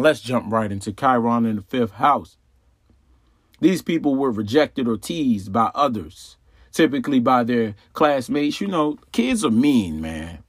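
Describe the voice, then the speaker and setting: Recorded cleanly in studio quality with no echo, this man's mid-range voice guides a casual astrology talk. The channel host explains things conversationally, asking rhetorical questions and repeating phrases as he goes.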